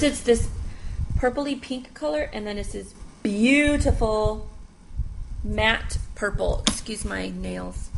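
A woman's voice: a little high, creaky, a little hiss or hum, poor audio. A young woman chatting casually at home through a makeup tutorial, rambling with self-deprecating asides. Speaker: makeup vlogger.

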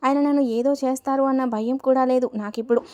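A woman voicing a spirited young village woman who is in love and quick to scold, told as a spoken story. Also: sits high, fairly even intonation, dark tone, close to an everyday voice. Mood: tearful.

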